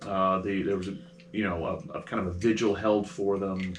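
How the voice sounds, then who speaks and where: A man's voice: low voice, flat delivery, moderate pace. Man narrating as game master, roomy. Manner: casual, filler-heavy, chatty narration. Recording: roomy with faint noise.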